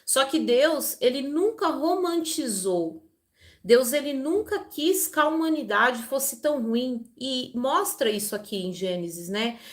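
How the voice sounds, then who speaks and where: Higher-voiced woman reading scripture. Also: expressive, a little slow. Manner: conversational, explains with everyday examples, frequent tag questions. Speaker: Bible reader and channel host. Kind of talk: scripture reading with informal commentary.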